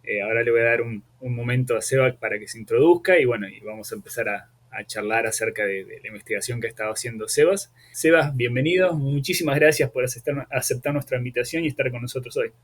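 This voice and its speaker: A man's voice: medium pitch, fast, few pauses. A man, a veterinarian, hosting a podcast interview and welcoming his guest with friendly, eager questions.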